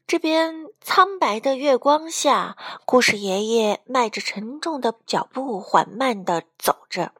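Expressive woman reading a children's story. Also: fairly high pitch, measured pace, few pauses, no room sound, studio quality.

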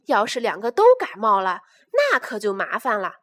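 A woman's voice: medium pitch, big pitch swings, moderate pace, pushed and bright. A woman voicing a fussing, chiding mother bear in a storybook reading.

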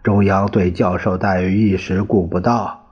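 A man voicing a composed middle-aged male provincial governor, measured and placating, on a dull lo-fi recording. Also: deep voice, level tone, slightly rough.

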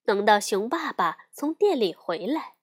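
A woman reading a children's picture book aloud in an expressive storytelling manner. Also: a little high, measured pace, slightly rough.

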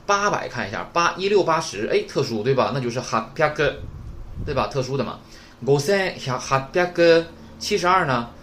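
A man's voice: medium pitch, fairly bright tone, slight background noise. A man teaching beginners Japanese numbers in a recorded lesson, drilling each word and constantly checking in with "right?".

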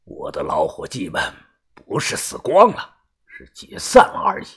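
A man voicing a gruff, ruthless old tomb-raider boss in a low, husky mutter. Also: wildly swooping pitch, measured pace, fairly bright tone, full character voice. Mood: boastful.

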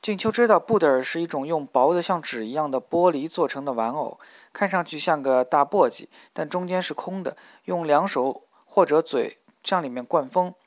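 A man narrating a novel in a calm, even storytelling voice. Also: on the high side, moderate pace, few pauses, no echo, clean studio sound. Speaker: audiobook narrator.

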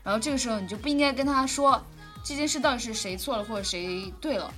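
A woman's voice: on the high side, quick pace, a bit bright, faint music behind. A young woman co-hosting a casual chat, handing out relationship advice in a conversational way. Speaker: co-host.

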